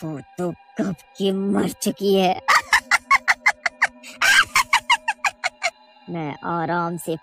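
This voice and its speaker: Woman putting on a cackling low witch. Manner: cackling, menacing, low gloating voice. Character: evil blood-drinking female witch spirit.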